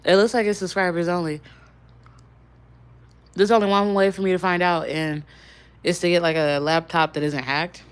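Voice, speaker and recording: A woman's voice: lowish voice, fairly even intonation, moderate pace, long pauses, clear, resonant tone. Rambling, chatty young woman on a livestream. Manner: rambling and chatty, talking to viewers; swears casually. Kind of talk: casual live-stream chat.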